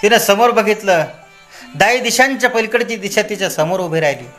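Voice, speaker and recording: A man narrating a devotional story in a dramatic way, moving between soft and raised delivery. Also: sits high, brisk, soft background music.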